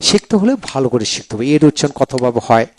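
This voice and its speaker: Man, video lecture, English pronunciation teacher, animated pitch, repeats example words. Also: a little hiss or hum. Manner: explains step by step, repeats example words slowly, often says "then come". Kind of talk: video lecture walking through a book.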